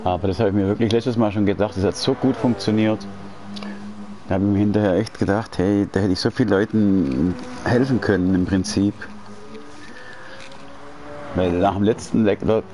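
Over car engine noise from a racing game, a deep-voiced man in his forties rambles casually while streaming indoors at home. He sounds relaxed and chatty, slipping into slang and frequently starting his sentences over.

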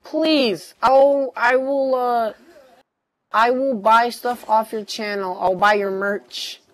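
A man's voice: very high voice, fairly even intonation, slow, rough recording. A guy in a casual chat, playfully protesting and acting mock-annoyed at being teased. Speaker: co-host.

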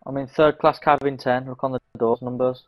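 Male gaming sidekick, mid-pitched and animated, dull voice-chat sound with game music behind. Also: fairly quick, dry recording. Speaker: gaming co-commentator. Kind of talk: casual chat while playing.

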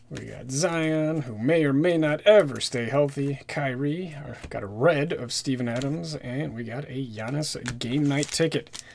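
A man chatting casually while opening trading card packs, rattling off player names and getting excited at good pulls. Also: fairly high pitch, gravelly, slight background noise. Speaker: card-collecting YouTuber. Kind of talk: casual pack-opening commentary. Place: indoors at a desk with a card display backdrop.

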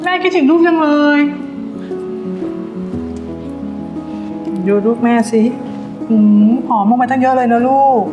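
Actress as loving middle-aged mother, gentle and coaxing; somewhat high, with a long room reverb. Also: expressive, brisk, dull audio, music in the background. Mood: fond. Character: doting middle-aged mother of a rich family. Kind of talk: short drama acting.

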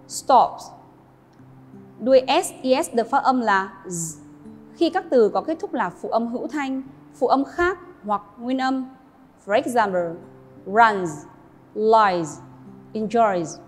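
A woman teacher, slowly modelling English sounds and explaining pronunciation rules to students. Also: on the high side, expressive. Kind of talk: classroom lesson narration. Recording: long reverb with faint music.

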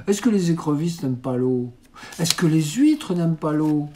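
A man reading aloud, voicing a lively, headstrong young girl in a raised, eager tone. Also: fairly high pitch, normal speed, a little hiss or hum, lightly acted. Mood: insistent.

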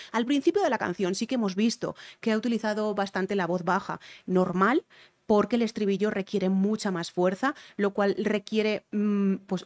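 A woman's voice: medium pitch, darkish tone. A woman with a Spain Spanish accent, a vocal coach reacting to a music video and explaining singing technique, repeating her key points.

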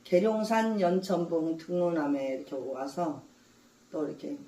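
A middle-aged woman, a traditional folk singer and channel host, talking in a solo hiking vlog from outdoors on a mountain peak. She is tired and strained from the climb and cheers loudly at each success. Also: fairly low pitch, lively intonation, moderate pace.

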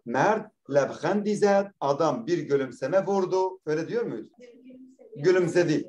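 A man's voice: a little high, expressive, moderate pace, a little mellow. A man teaching a language class, reading a text aloud and translating it line by line, often repeating words and asking questions that he answers himself. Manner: explains patiently, repeats words, asks questions and answers them.

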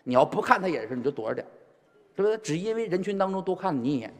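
Northeast china guy doing crosstalk, very animated n teasing, echoey hall. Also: sits high, rapid-fire. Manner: teasing, exaggerated delivery. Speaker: lead comic in a crosstalk duo. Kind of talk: crosstalk stage comedy. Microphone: stand microphone on a stage. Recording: reverberant theatre hall.

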